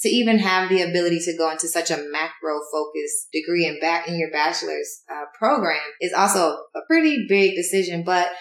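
A woman's voice: on the low side, fairly quick, hardly any pauses. A woman hosting a podcast interview, asking curious follow-up questions and affirming her guest. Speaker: podcast host. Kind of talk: casual interview chat. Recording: echoey room.

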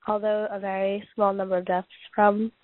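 Hoarse woman host reading notes aloud, halting, often clearing her throat, thin phone-quality audio. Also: medium pitch, little pitch movement. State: losing her voice, coughing. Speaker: podcast host reading points on a topic.

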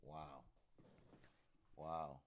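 A man's voice: rumbling low, level tone, extremely slow. A man telling a story in an enthusiastic, very casual way, full of street slang and swearing. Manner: slangy and enthusiastic, swearing, says bro and dude often.

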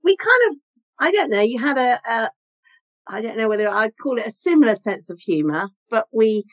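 A woman's voice: on the high side, big pitch swings, moderate pace. A woman chatting casually and hesitantly as a podcast guest, in a giggly conversational style. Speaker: podcast guest, priest in training. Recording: slightly dull, lo-fi sound.

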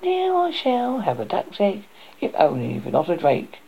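A reader voicing a fussy, half-blind old woman who exclaims in a gravelly, husky voice. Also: mid-range voice, huge pitch swings, moderate pace, muffled recording, voice pushed up, exaggerated voice. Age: older.

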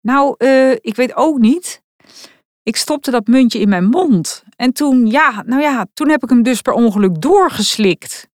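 A woman's voice: on the high side, animated, measured pace, no room sound, clean studio sound, pitched above the performer's own voice. A woman voicing an awkward, sulky thirteen-year-old boy who hesitates and fills his talk with ums. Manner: hesitant, sulky, full of fillers.

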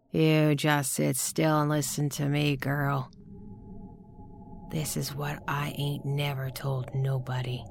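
A woman voicing a frantic, half-mad old woman who speaks in a rustic old-timer dialect and swings between shouting and hoarse whispers. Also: deep voice, slight background noise, heavily acted.

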